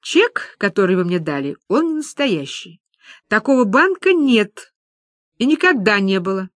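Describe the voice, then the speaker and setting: A woman voicing a distraught older woman who wails and cries out in a high, drawn-out voice. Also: big pitch swings, no room sound, clean studio sound. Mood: indignant.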